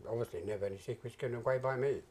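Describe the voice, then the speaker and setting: Older British male interviewee, soft mellow tone, hesitant conversational recollection with emphatic repeats. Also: mid-range voice, very fast, a little hiss or hum. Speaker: interviewee, retired stock jobber. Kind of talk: reminiscing in an oral history interview.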